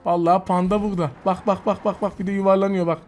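A young man commentating his own mobile shooter gameplay, excitable and mocking, cursing at opponents. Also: high-pitched, fast, faint music behind. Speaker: gaming YouTuber.

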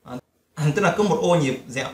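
Man, guitar teacher, high voice, chatty, echoey room, loud guitar. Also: animated, normal speed. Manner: chatty, explains chords while singing hymn lines. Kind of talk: casual guitar lesson, talking and singing. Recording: roomy sound with loud guitar. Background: loud guitar playing.

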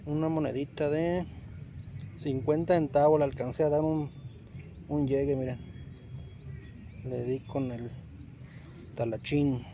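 A man's voice: on the high side, fairly even intonation, measured pace, pauses often. A man with a Mexican accent chatting to viewers as he searches with a metal detector outdoors beside a river, repeating himself as he points things out. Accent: Mexican Spanish. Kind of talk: casual narration to viewers while detecting. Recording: loud outdoor background noise. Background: loud outdoor ambience.

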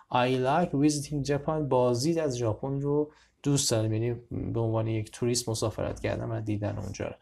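A man teaching a beginner English lesson, saying each example sentence slowly and clearly and then explaining it conversationally. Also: medium pitch, dark tone.

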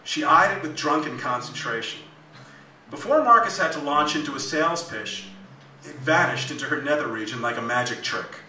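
A man reading his own novel aloud at a live club event, with dry, deadpan asides. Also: on the high side, moderate pace, background noise. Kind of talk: live comic fiction reading. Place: small music club. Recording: echoey club, mic at a distance.

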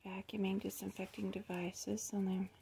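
A woman patiently helping a child with reading, gently prompting and explaining words in casual talk. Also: mid-range voice, flat delivery, moderate pace, vocal fry, slightly rough. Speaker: parent helping a child read. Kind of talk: casual reading coaching at home.

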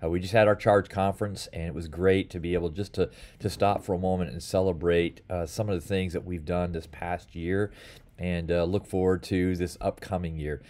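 A man's voice: sits low, fairly even intonation, normal speed, darkish tone. A man in his fifties, a pastor, giving casual church announcements from a small office, rambling with many fillers and restarts. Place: small office with bookshelf and blinds. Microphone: webcam or phone at desk, close framing.

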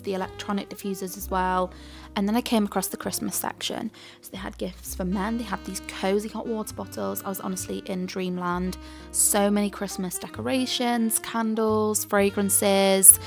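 A woman's voice: medium pitch, gravelly. A young woman vlogging in a chatty, gushing way, talking in her car and then over shopping clips. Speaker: lifestyle vlogger. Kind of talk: casual vlog chat and shopping voiceover.

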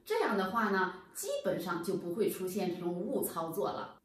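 A woman in her thirties with a fairly low, lively voice presents an HVAC channel, patiently walking viewers step by step through home heating at a moderate pace. She stands against a bare wall in a plain indoor room, and the very echoey recording makes her sound far away.

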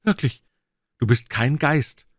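A man reading an audiobook and voicing an agitated middle-aged doctor who exclaims in excitement. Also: mid-range voice, takes it slowly, no echo, clean studio sound, voice pushed up. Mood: overwhelmed.

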